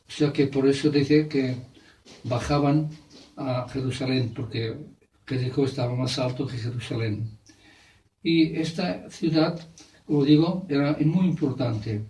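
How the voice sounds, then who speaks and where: A priest giving a sermon, retelling a gospel story in simple words with frequent fillers and restarts. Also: male voice, medium pitch, warm tone. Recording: echoey church from far off.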